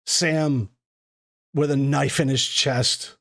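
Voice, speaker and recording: A man's voice: medium pitch, fairly even intonation, slow, gravelly, fairly bright tone. A man acting as game master, narrating a tabletop role-playing game and addressing the players.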